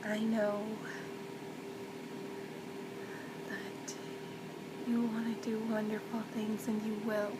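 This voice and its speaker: Her natural, mid-range voice stays slow and very even as she acts as a loving mother soothing her child in a gentle ASMR role play. Tender and reassuring, she frequently drops almost to a whisper while loud ambient noise runs underneath.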